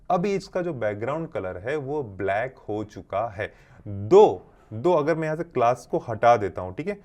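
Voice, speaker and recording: A young man teaching a coding lesson at an even, mid pitch. He goes step by step through his screen and keeps checking whether his listeners have followed. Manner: explains step by step, often asks if it is clear.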